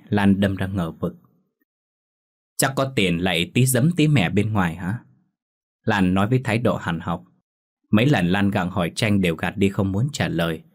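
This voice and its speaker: A man narrating a ghost story audiobook in a steady, dramatic storytelling manner. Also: deep voice.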